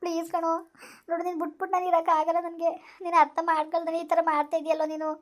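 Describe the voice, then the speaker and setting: A woman's voice: very high voice, flat delivery, very fast. A woman playing a young village woman dumped by her boyfriend, talking in a village comedy skit. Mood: pleading. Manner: scolding, then begging.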